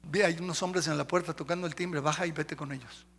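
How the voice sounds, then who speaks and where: A man voicing the Holy Spirit giving steady, low commands in a sermon. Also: fairly quick, long reverb tail, faint music behind. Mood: commanding.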